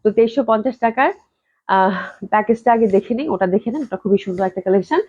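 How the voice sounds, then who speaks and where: A woman from Bangladesh runs a live clothing sale, talking fast in a fairly high voice. She repeats prices over and over and mixes English phrases into her chatter. The audio is dull and lo-fi, as from a live stream. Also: animated, a little mellow. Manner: talks slowly on purpose to hold back a cough.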